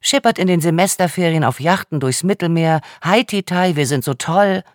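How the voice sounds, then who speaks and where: A man voicing a teasing, sharp-tongued young woman. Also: a little high, normal speed, dry recording, studio quality, pitched above the performer's own voice, lightly acted. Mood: mocking. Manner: teasing, mocking.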